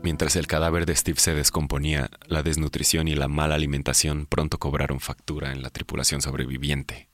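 A man delivering scripted documentary narration in a measured, calm way. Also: rumbling low, faint music behind.

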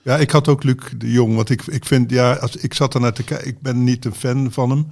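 A man on a podcast panel with a gravelly, creaky voice, set a little low. He chats along easily and backs the others up with quick words of agreement. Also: steady tone, a little mellow. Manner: chatty, agrees often with short remarks. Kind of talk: casual chat.

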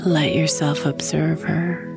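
A woman guiding a meditation in a soft, hushed voice that nears a whisper, with gentle, unhurried phrasing and long pauses. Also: low-pitched, level tone, vocal fry. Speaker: meditation guide. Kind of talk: guided meditation, slow and soothing. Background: music.

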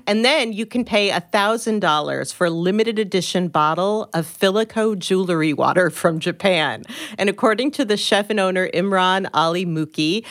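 A woman's voice: lowish voice, dry recording, studio quality. Upbeat female podcast co-host. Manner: upbeat and laughing often. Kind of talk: casual podcast chat.

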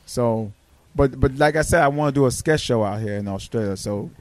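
A man's voice: mid-range voice, fairly quick, no echo. A man from Brooklyn with a New York accent, chatting as a guest comedian on a podcast and restarting his sentences often. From Brooklyn, United States. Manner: animated, stumbling restarts. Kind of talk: casual podcast chat.

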